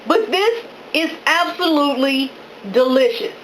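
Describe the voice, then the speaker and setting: A woman's voice: high voice, expressive, measured pace, a little hiss or hum, low-quality recording. A woman vlogging at home as she tastes her own cooking, exclaiming with delight and talking through mouthfuls of food. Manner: effusive, exclaiming with delight between bites; talking with her mouth full while chewing. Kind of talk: casual talk while tasting food.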